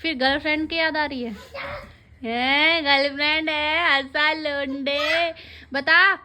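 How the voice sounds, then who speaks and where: Very high, bright-voiced chatty woman vlogger. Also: fairly even intonation, slow. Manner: chatty, teasing, addresses viewers directly. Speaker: family vlogger. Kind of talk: casual family vlog chat.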